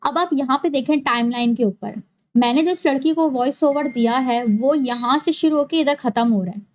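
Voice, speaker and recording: A woman narrating a screen-recorded software tutorial, explaining each step patiently and repeating key points. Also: high-pitched, normal speed, lo-fi sound. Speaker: animation tutorial host.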